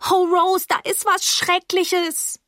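A woman voicing a panicked young woman who pleads in a high, urgent, shrill voice. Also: level tone, takes it slowly, bright, forceful tone, no room sound, studio quality, exaggerated voice.

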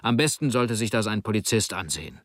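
A man voicing a pushy male building cleaner who shouts and insists in a storybook reading. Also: lowish voice, lively intonation, a little fast, no echo, clean studio sound, natural voice. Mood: stubborn. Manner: shouting, stubborn.

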